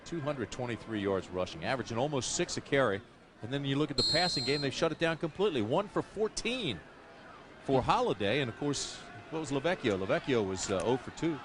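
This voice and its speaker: A man's voice: mid-range voice, expressive, fairly quick. A man giving college football color commentary, breaking down plays in an easy, conversational way from a broadcast booth. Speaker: color analyst. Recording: loud noise under an old broadcast.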